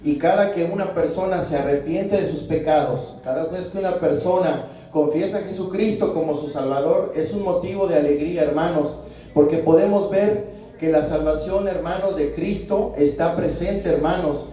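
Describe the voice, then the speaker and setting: Fervent male preacher, somewhat high voice, very dark tone, booming echo in a church hall, mic set far away. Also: normal speed. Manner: fervent, peppers phrases with "Señor" and "gloria al Señor". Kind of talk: sermon and congregational prayer.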